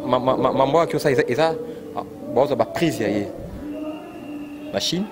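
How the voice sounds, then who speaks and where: A man with a Congolese French accent in an animated, repetitive casual chat about music, exclaiming often. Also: medium pitch, moderate pace, background noise. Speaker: fan discussing rumba music. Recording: loud music playing behind.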